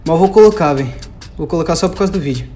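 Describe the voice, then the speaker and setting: A woman's voice: low voice, expressive, dark tone. Brazilian woman, young, let's-play horror commentary, jumpy and panicky, faint music under her voice. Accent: Brazilian Portuguese. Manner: jumpy, panicky outbursts, rapid repeated exclamations. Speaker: gaming youtuber.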